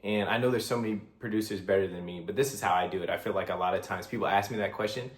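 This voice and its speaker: Man, young, low voice, casual sales coaching, roomy echo. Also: rapid-fire. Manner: conversational, acts out phone calls in varied voices. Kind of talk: casual instructional talk to camera.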